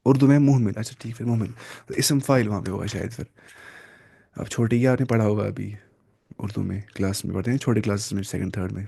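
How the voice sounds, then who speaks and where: A man teaching an online Arabic grammar lesson. He explains step by step, asks the class questions and answers them himself, mixes in English terms and reads Arabic words slowly. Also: mid-range voice, darkish tone.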